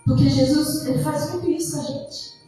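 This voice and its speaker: High-voiced Brazilian woman pastor preaching. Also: steady tone, a little fast, mellow. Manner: conversational storytelling preaching. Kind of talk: sermon. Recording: very echoey church hall from far off with faint music.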